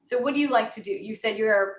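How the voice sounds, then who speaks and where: A woman's voice: on the high side, fast talker, roomy sound. An American woman coaching a live online class, encouraging and chatty, full of "you know" fillers. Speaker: voice and presentation coach.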